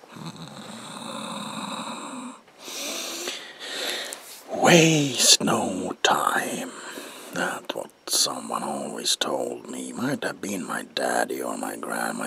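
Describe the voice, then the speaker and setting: A man playing a manic, sinister comic-book villain as examiner in a whispered ASMR roleplay, with a gravelly, breathy voice and theatrical, unhinged delivery. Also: very deep voice, background noise, full character voice. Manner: theatrical, drawn-out words with unhinged swings.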